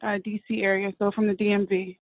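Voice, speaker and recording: Thirties woman from baltimore, flat even voice, tinny phone line. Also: medium pitch, quick pace, no echo. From Baltimore, Maryland. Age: 30s. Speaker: podcast guest. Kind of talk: casual podcast chat. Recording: tinny phone-like remote audio.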